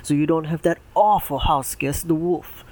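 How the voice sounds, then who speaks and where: A man's voice: fairly high pitch, moderate pace, darkish tone, lightly acted, poor audio. A man voicing a prim, proper male pig who speaks formally and disdainfully. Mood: haughty.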